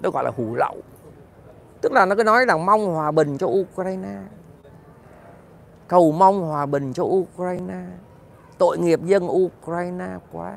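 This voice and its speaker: A man's voice: sits high, unhurried, vocal fry. A man ranting heatedly to his viewers in a profane, direct monologue. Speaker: political commentator.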